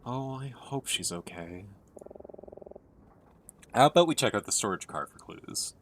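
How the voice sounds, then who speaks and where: A man's voice: medium pitch, animated, unhurried, a little hiss or hum, close to an everyday voice. A man reading a video game's young amateur sleuth in an earnest, hesitant way. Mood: worried, earnest. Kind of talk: video game dialogue read aloud.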